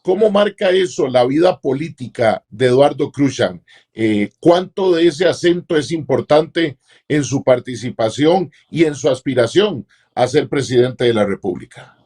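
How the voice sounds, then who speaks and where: A Costa Rican man hosts an interview and asks long, winding questions. His voice is mellow and dark in tone, at a middle pitch for a man. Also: animated, measured pace, breathy edge. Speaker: radio show interviewer.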